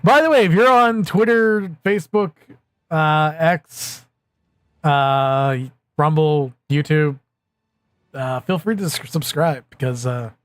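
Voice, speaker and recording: A man's voice: fairly high pitch, takes it slowly, dry recording, clean studio sound. A man in his thirties chatting casually on a livestream, rambling and sarcastic. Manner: rambling, self-mocking and sarcastic. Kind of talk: casual live-stream chat.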